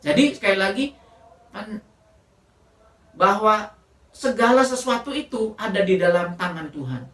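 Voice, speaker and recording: A woman preacher giving a sermon, telling a story in an animated way and often addressing the congregation directly. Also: mid-range voice, a little slow, roomy sound, recorded from a distance. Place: church.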